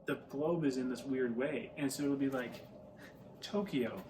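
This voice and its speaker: A man's voice: medium pitch, a little slow. Rambling, enthusiastic man co-host, distant mic. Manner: rambling, enthusiastic, laughs often. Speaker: podcast co-host. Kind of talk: casual chat. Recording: distant mic with clear background noise.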